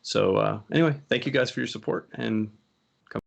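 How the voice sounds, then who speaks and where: A gravelly mid-range male voice, a little fast, belongs to the host of a casual tech talk show. He meanders as he talks, frequently fixes his own wording, and laughs easily.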